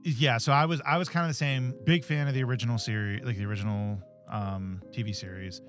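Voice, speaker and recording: A man in his thirties co-hosts a casual review podcast, his voice sitting at an ordinary middle pitch. He talks in an animated way, stumbling and repeating himself when he gets excited, with faint music underneath. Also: fast talker. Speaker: podcast co-host.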